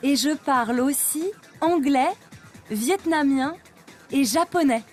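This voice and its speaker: A woman voicing a cheerful young musician in a slow, clear textbook dialogue. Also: sits high, faint music behind. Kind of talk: scripted textbook audio dialogue.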